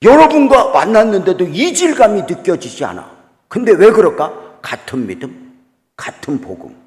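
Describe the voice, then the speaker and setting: A middle-aged man preaching a revival sermon as a guest pastor, swinging between loud exclamations and quiet storytelling and putting questions to the congregation. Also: high voice, very animated, normal speed. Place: church sanctuary. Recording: church hall reverb.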